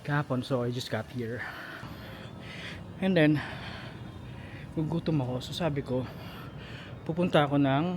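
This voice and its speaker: A man vlogging while walking outdoors, chatting and telling a story in casual speech, a bit out of breath from the uphill walk. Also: on the high side. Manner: chatty storytelling, mixing Filipino and English. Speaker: travel vlogger. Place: outdoors on city streets. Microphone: handheld phone or camera. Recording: street noise behind the voice. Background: street traffic noise.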